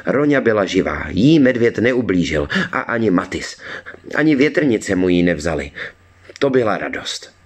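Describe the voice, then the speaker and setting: A man with a deep, low voice reads a children's storybook aloud. His delivery is calm and measured. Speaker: audiobook reader. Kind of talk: storybook narration.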